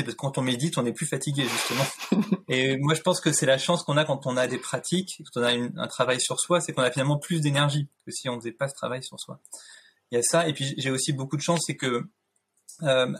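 A man's voice: medium pitch, a bit bright, slight background noise. A man in his thirties, a guest on a video call interview, speaking thoughtfully with many fillers and restarts. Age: 30s. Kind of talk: casual interview talk. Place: home room, indoors.

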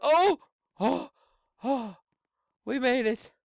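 A middle-aged man doing Let's Play commentary on a headset mic in a small home room, exclaiming and shouting as he plays. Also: extremely high pitch, drawn-out words, gravelly, dry recording, clean studio sound. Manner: excitable, exclaims and shouts while playing. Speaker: gaming YouTuber.

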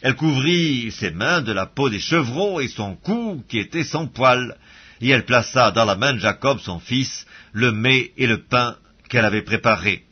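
Male Bible narrator; measured, breathy tone, muffled recording. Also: mid-range voice, expressive. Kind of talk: audio Bible reading. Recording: dull lo-fi audio.

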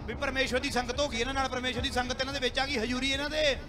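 Male pastor, high-voiced, preaching call-and-response over live music. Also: little pitch movement, very fast. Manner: scolding, rhetorical questions to the congregation. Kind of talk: Punjabi sermon with call-and-response. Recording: live church PA with music and crowd.

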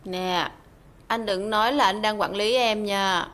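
A woman's voice: medium pitch, fairly even intonation, a little slow, fairly bright tone, lightly acted. A young woman playing a carefree character in a TV drama, speaking in a breezy, teasing way. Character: carefree young woman brushing off her partner. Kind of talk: TV drama acting.

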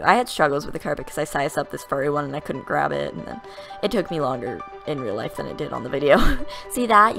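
A young woman with a dry throat, chatting fast and excitedly over a game build, often laughing and restarting her thoughts. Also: fairly low pitch. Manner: fast, rambling, giggly, excitable. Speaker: gaming YouTuber narrating a speed build. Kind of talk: casual voice-over chat.

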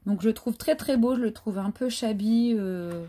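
A woman's voice: fairly high pitch, normal speed, mellow. A woman chatting casually through a craft haul, hesitant and full of fillers. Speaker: craft vlogger. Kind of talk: casual haul show-and-tell.

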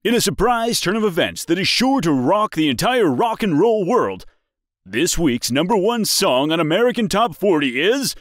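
A man's voice: sits high, big pitch swings, normal speed, dry recording, studio quality, pitched above the performer's own voice. A man voicing a male radio DJ hyping up a countdown with punchy showman build-up. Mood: hyped.

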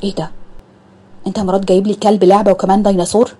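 Woman doing an excitable young Egyptian woman, flares up fast, husky, very rapid speech. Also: medium pitch, natural voice. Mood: indignant. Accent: Egyptian Arabic. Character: excitable hot-tempered young woman, a student.

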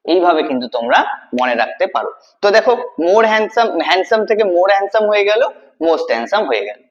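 A man's voice: sits high, sing-song, moderate pace, muffled recording. A man teaching an English grammar lesson to students, asking questions and then answering them himself, repeating key words. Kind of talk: classroom-style video lesson.

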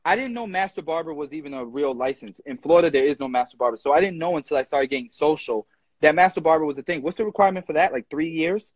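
A young man speaks with a somewhat husky, fairly high voice, pressing his points with passion and quick restarts. His voice comes close and dry through a phone held at arm's length, and the sound is dull and lo-fi. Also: no room sound. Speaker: barber educator, live stream host. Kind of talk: casual live chat. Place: indoor room with ceiling fan. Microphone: phone front camera at arm's length.

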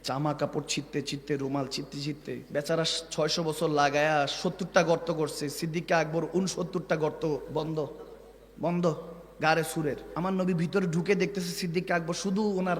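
Fervent high-voiced male preacher in a hall. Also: level tone, normal speed. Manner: impassioned, swings from soaring shouts to hushed asides; rhythmic repetition, asks the crowd for replies. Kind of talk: Islamic sermon.

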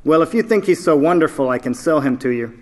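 A man reading aloud, voicing a greedy, loud male slave trader who sneers and yells. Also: on the high side, animated, fast, natural voice. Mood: scheming. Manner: yelling, sneering.

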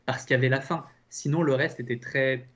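A man talking casually about films as a critic, halting and emphatic, repeating words as he goes. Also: mid-range voice, fairly even intonation, muffled recording. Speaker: film critic. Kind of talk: casual film discussion.

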